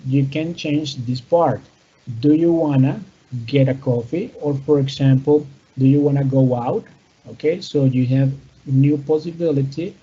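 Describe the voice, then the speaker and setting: A man's voice: medium pitch, warm tone, slightly rough. A man teaching an English class online in two languages, explaining step by step, with many fillers and restarts. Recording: dull, lo-fi recording.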